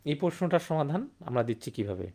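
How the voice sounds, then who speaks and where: A man's voice: on the high side, sing-song, fast talker, warm tone. A man teaching a grammar lesson online, asking rhetorical questions and repeating key words. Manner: rhetorical questions with "hum?" and "thik na?".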